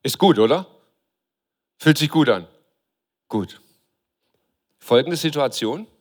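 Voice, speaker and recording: A pastor preaching a sermon, asking rhetorical questions, speaking directly and informally to his congregation and moving between quiet and emphatic delivery. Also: on the high side, lively intonation, slow.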